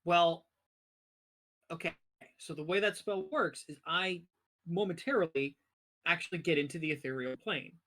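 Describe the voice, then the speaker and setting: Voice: mid-range voice, moderate pace, long pauses, a bit bright. A player in a tabletop game, carefully explaining how a spell works. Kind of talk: casual tabletop game chat.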